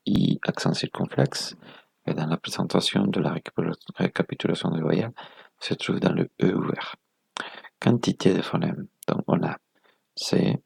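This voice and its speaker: A man's voice: low-pitched, vocal fry, a little mellow, slightly rough, no echo. A man presenting a video lesson, explaining step by step in a methodical way, counting items aloud and correcting himself as he goes.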